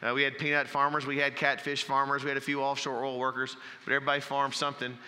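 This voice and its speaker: A man preaching a sermon from the pulpit, telling folksy stories and dropping to a hush for emphasis. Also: medium pitch, monotone, fast, in a large hall. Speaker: pastor. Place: church sanctuary.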